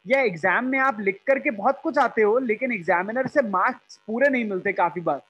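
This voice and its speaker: A man with an Indian English accent lectures over a video call, mixing Hindi and English and pausing to quiz his students. His voice sits fairly high for a man. The sound is dull and lo-fi, with faint music underneath. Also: fairly bright tone. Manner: mixes English and Hindi, asks students questions. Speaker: teacher. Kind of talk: online class lecture. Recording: dull lo-fi online class audio.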